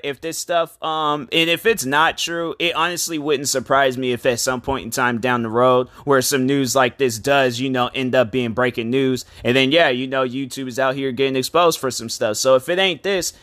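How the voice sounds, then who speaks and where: A man's voice: medium pitch, a bit bright, no echo. Man vlogging in slangy, rambling style. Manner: slangy, informal, repetitive, rambling. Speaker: YouTube show host. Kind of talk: casual vlog commentary. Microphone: cell phone microphone.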